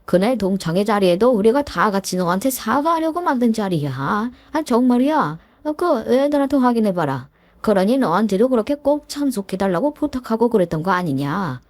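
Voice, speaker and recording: A woman's voice: a little high, sing-song, a little fast, darkish tone, no echo. A woman voicing a desperate, groveling middle-aged man who once bullied his classmate, pleading and whiny with many fillers. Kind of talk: story narration with acted dialogue.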